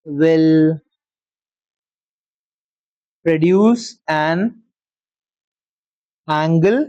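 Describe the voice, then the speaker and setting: A man teaching a maths class, dictating slowly word by word and often checking whether the students follow. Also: fairly high pitch, warm tone, clean tone, dry recording, highs cut off. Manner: slow dictation word by word, checks with frequent questions. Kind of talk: live class lecture.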